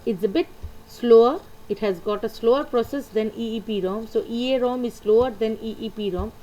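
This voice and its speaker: A woman's voice: fairly high pitch, brisk, dark tone, rough recording. A woman, teaching a computer lesson and patiently repeating the key points. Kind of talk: lecture explaining slides.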